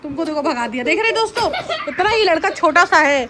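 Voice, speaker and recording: A woman's voice: very high-pitched, expressive, brisk. A woman in her thirties chatting casually to camera as a family vlogger, talking to her viewers as friends. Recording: loud background noise.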